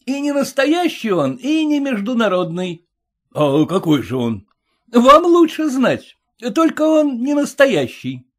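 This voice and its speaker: Storybook heckler in the stands, shrill and mocking; man reads it. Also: wildly swooping pitch, measured pace, full character voice. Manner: mocking, shouting, sarcastic. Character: jeering male circus spectator, sarcastic heckler. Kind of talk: audiobook reading.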